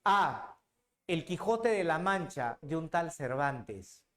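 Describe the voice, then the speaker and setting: A man's voice: on the high side, animated, slow pace, fairly bright tone. A man acting out a cautious village neighbor who speaks in a wary, polite way.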